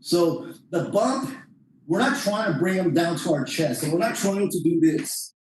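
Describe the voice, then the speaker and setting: A man's voice: high voice, animated, measured pace. A man teaching a jiu-jitsu class, explaining moves step by step in an informal way as he demonstrates. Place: indoor training room. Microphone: distant camera microphone. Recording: distant mic, very echoey room, faint noise.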